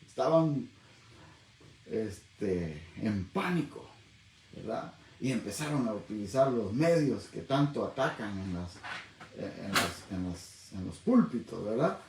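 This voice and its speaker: A man's voice: fairly low pitch, big pitch swings, takes it slowly, reverberant, a little hiss or hum, poor audio. A man teaching the Bible on the radio in a conversational preaching style, often checking in with his listeners by asking "¿verdad?". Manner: conversational, constantly asks "¿verdad?".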